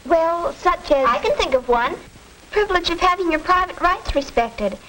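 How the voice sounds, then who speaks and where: An earnest teenage girl in a 1940s family film. Her voice is high, with a fair-minded, carefully scripted delivery. Light crackle sits on the old soundtrack. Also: animated, normal speed, pushed and bright, full character voice. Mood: earnest, pointed. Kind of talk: stagey scripted 1940s educational film acting.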